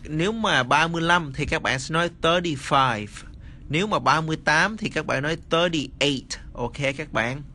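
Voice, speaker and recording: A man teaching English number words in a casual spoken lesson, slowly repeating each word and checking that the viewers follow. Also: fairly high pitch, bright, forceful tone, a little hiss or hum. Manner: slow, repeats words, addresses viewers as friends.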